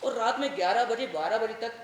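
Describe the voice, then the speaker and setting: A man's voice: very high voice, brisk, very echoey, recorded from a distance, a little hiss or hum. A man voicing a taunting young village friend with a sneering, teasing manner.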